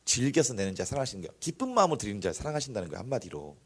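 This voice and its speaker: A man's voice: medium pitch, very fast, breathy edge. A man preaching a sermon in church, talking conversationally to the congregation and acting out small examples along the way. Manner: animated, conversational, acts out examples. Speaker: pastor.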